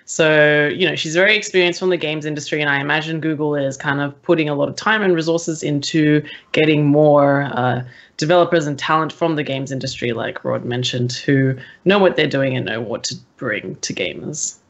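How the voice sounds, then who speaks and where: A woman's voice: sits low, moderate pace, highs cut off. A woman co-hosting an esports talk show, chatty and self-mocking in casual panel chat. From Australia.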